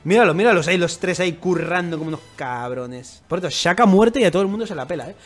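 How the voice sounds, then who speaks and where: A young man from Spain with a Spanish accent, giving excitable, swear-filled reaction commentary and reading lines aloud. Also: high-pitched, fast, soft background music. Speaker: reaction youtuber.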